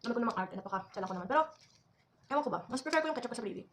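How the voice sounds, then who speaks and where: A young food vlogger from the Philippines talks at a very quick clip while she eats. Her voice sits slightly high, and she tosses playful asides to her viewers between bites. A faint ambient noise runs under the recording. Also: lively intonation. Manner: chatty, code-switching, teasing asides while eating. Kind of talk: casual mukbang chat.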